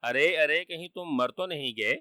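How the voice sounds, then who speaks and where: A man's voice: a little high, sharp tone, no room sound. A man voicing a panicky, flustered wife who pleads frantically. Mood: panicked.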